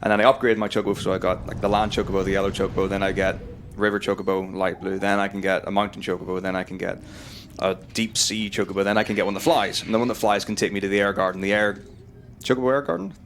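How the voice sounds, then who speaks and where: A man's voice: low-pitched, fairly even intonation, quick pace, fairly bright tone, slight background noise. A man with a Northern Irish accent giving live speedrun commentary, rambling through explanations with frequent restarts. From Northern Ireland.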